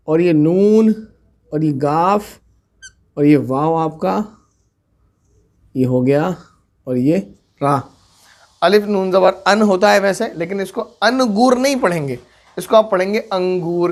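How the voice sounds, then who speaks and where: A man teaching an online Urdu script lesson, patiently repeating each word slowly as he writes it out. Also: high voice, a little mellow.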